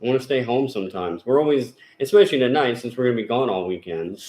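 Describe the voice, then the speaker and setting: A man's voice: mid-range voice, animated, fast, a little mellow. A man hosting a paranormal investigation channel, chatting casually at home in a rambling way with lots of fillers and restarts. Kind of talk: casual chat. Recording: roomy echo.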